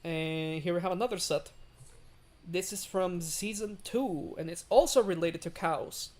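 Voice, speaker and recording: Streamer rambling while building a train layout, lots of likes and you knows, reading chat out loud. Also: medium pitch, unhurried. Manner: rambling, many fillers, reads chat aloud. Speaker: livestream host. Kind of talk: casual game livestream.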